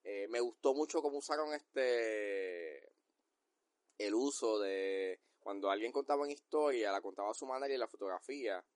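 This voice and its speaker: Relaxed man reviewing films. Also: fairly low pitch, normal speed, dry recording, studio quality. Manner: relaxed, mixes English slang into Spanish. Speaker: podcast co-host. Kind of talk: casual film review chat.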